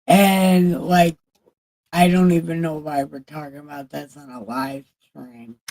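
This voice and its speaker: A woman's voice: sits low, level tone, measured pace, a little mellow. A woman livestreamer in casual chat, talking candidly and with plenty of swearing to her viewers. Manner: candid, profane, chatting with viewers.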